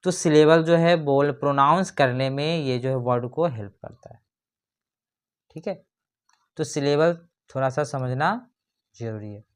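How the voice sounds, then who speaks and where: A teacher in an explanatory lesson who talks at a slow, unhurried pace. Definitions come out drawn-out and deliberate, then get broken down with rhetorical questions. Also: medium pitch, clean tone. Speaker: English grammar teacher.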